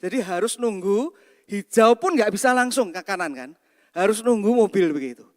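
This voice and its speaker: A man's voice: high-pitched, lively intonation, normal speed. A man preaching a sermon as pastor, telling a personal story and often turning to address the congregation directly. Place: church hall. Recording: long hall reverb in a church.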